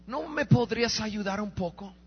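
A man voicing a worried elderly village woman who asks for help in a soft, pleading tone. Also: high-pitched, normal speed, slightly rough, big-room sound, highs cut off.

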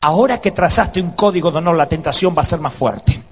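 A preacher tells a comic story from the pulpit, acting out the shouts and groans in it. His voice sits high for a man, and the live recording sounds dull and lo-fi. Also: animated, fairly quick, big-room sound, slight background noise. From Argentina.

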